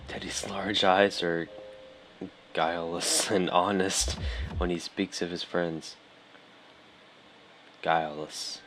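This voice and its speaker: A man's voice: sits low, little pitch movement, takes it slowly, long pauses, noisy background. A man hosting a let's play, reading the game text aloud in an offhand, dry way, stumbling over lines, with game music behind.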